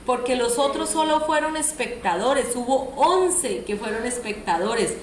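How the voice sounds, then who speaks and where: A woman's voice: a little high, animated, unhurried. A woman preacher, delivering a sermon and often asking the audience questions. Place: church hall. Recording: echoey church room, faint noise.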